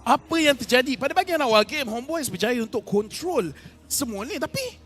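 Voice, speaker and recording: Bright-voiced Malaysian man casting esports. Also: extremely high pitch, big pitch swings, fairly quick, soft background music. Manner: casual, colloquial phrasing mixed with English game terms. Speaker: esports commentator. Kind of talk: live match analysis and commentary.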